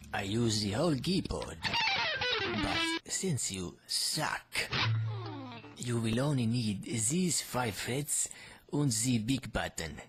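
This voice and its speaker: A man doing a swaggering guitar-hero tutor with a thick German accent, who mocks his pupils in a slow, low, drawn-out voice. Loud electric guitar music blares behind him. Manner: boastful, mocking, slow deliberate delivery. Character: arrogant, insulting male guitar shredder tutor. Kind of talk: comedic tutorial video.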